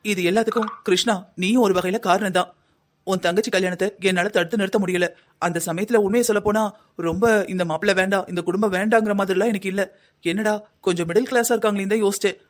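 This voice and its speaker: A man's voice: sits high, fairly even intonation, fast talker, natural voice. A man voicing a worried middle-aged mother in a Tamil cartoon drama, talking earnestly at length. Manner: earnest, lecturing.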